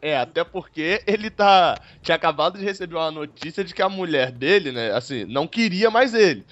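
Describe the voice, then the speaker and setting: A man co-hosting a casual podcast, retelling scenes in an animated way and acting out the characters' lines. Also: a little high, a little fast, dry recording. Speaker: podcast co-host. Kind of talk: casual recap chat about a TV episode. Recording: dull lo-fi audio with faint music behind.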